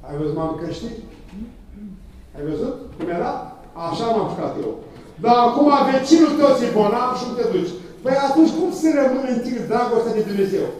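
A priest delivering a sermon to his parish, admonishing in a homely, drawn-out way. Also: extremely high pitch, lively intonation, darkish tone. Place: parish church hall. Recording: echoey hall, mic far off.

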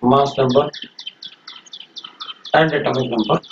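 A man with an Indian accent teaching chemistry. He repeats lines slowly for his students to copy, then explains quickly in mixed Hindi and English. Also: mid-range voice, steady tone. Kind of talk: classroom lecture. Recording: echoey room, distant dull mic, faint noise.

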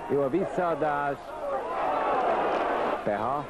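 A man giving live football match commentary, clipping out the names of players. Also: fairly high pitch. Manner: clipped naming of players, exclaims at chances. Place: football stadium. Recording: loud stadium crowd, noisy old TV broadcast.

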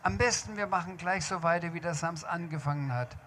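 Brief: an author playing a fussy, genteel older poet, a touch patronising, storybook reading. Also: male voice, a little high, a little fast, bright, forceful tone, slight background noise, voice pushed up. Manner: genteel, a little condescending.

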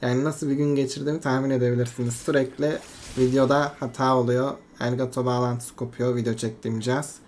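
A game streamer giving casual, excitable commentary over their own match, swinging between frustration and hype and talking themselves back to calm. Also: mid-range voice, fast, slight background noise. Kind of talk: live gameplay commentary.

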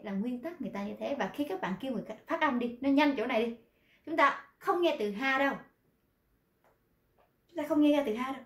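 A woman's voice: high-pitched, slight background noise. A woman teaching a pronunciation lesson, patiently explaining step by step and repeating her examples. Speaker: Korean language teacher. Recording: roomy echo.

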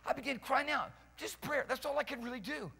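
A man's voice: extremely high pitch, fairly quick, creaky, sharp tone, husky. A man in his fifties preaching an emphatic, fervent sermon to a live congregation, pacing the stage with a headset mic. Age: 50s. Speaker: pastor. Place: church hall stage with band gear, live congregation. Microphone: headset mic, preaching while pacing and gesturing. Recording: long reverb of a church hall.

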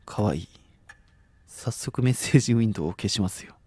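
A man's voice: fairly low pitch, a little fast, dark tone, husky. A man streaming a game, reading its on-screen text aloud and adding casual commentary. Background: faint game music.

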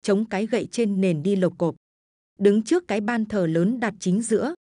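A woman telling a scripted spooky folk tale in a steady, even voice. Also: medium pitch, moderate pace, no room sound, clean studio sound. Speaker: storyteller.

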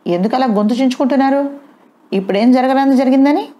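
A woman's voice: high voice, fast, mellow, pitched above the performer's own voice, lightly acted. A woman voicing a scheming young wife who challenges her husband in a matter-of-fact way. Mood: challenging.

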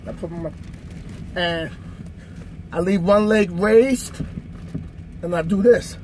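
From his sleeper cab, a man in his thirties who drives trucks shows viewers a bunk workout in a slow, relaxed vlog chat. His voice is high, the background is noisy, and a nearby phone camera on a stand records him.

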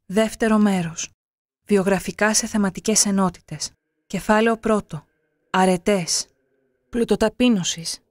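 A narrator reading scripted documentary passages in a measured, solemn way. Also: mid-range voice, fairly even intonation, a little mellow, no echo, studio quality.

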